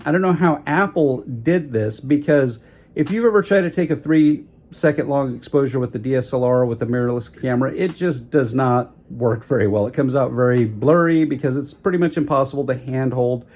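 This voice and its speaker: A man's voice: fairly high pitch, mellow. Chatty man reviewing a camera. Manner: chatty, self-correcting, plain-spoken. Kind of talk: casual review talk. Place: outdoors at a busy roadside eatery. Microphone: built-in phone mic. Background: traffic and chatter.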